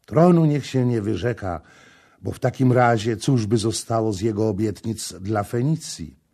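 A man voicing a coy, cunning young priestess in a storybook reading, soft and coaxing, with a husky, gravelly voice. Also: fairly low pitch, normal speed. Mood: coy pleading. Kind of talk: audiobook character reading.

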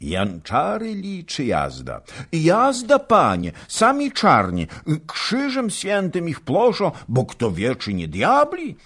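Male reader plays scared servant, pitched high, husky, urgent. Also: huge pitch swings, slow, few pauses, heavily acted. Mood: alarmed. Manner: high, urgent, breathless reporting. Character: loyal young manservant, frightened and urgent.

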